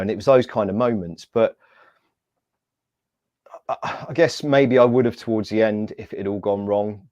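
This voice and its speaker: A man with a very low voice tells his story as an interview guest. He is lively and self-mocking, acting out the people he quotes. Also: no room sound. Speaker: guest, Paralympic athlete.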